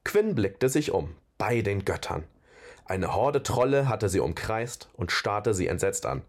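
Low-voiced man narrating a fantasy tale. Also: a little slow. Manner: expressive, animated storytelling. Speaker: audiobook reader.

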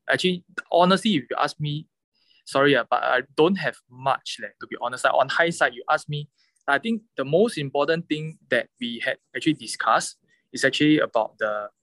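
A man's voice: on the high side, fairly bright tone, dry recording, rough recording. Singaporean man chatting in Singlish, dry close sound. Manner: Singlish, code-switching between English and Mandarin with local particles. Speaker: podcast guest. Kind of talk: casual chat.

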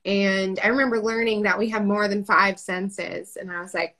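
A woman's voice: medium pitch, fairly even intonation, moderate pace, a bit bright. A woman hosting an interview, chatty and playful, acting out little quotes, over a video call. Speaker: host. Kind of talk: casual interview chat.

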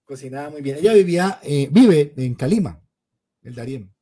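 A man's voice: on the high side, animated, moderate pace, warm tone. A man from Colombia with a Caleño accent, hosting a casual podcast chat and mimicking regional ways of speaking. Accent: Caleño Colombian Spanish. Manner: chatty, mimics regional sayings. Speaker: podcast host.

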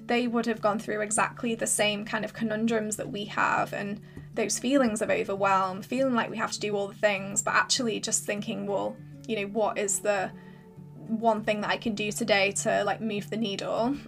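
Hoarse, creaky-voiced woman podcaster. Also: medium pitch, little pitch movement, moderate pace, faint music behind. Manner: informal, filler-heavy, rambling encouragement. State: losing her voice, slightly hoarse, frequent throat clearing. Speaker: podcast host and creative business coach. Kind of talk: casual solo podcast talk, encouraging advice.

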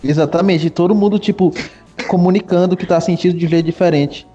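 Mellow man on an echoey dull mic. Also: high voice, fairly quick, soft background music. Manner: relaxed, slangy, enthusiastic. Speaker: podcast co-host. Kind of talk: casual chat. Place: remote video call.

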